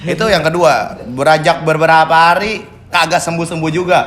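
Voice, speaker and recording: A young man telling a story in a casual podcast chat, animated and acting out the voices of the people in it. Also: fairly high pitch, a little fast, slight background noise. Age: young adult. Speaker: podcast guest.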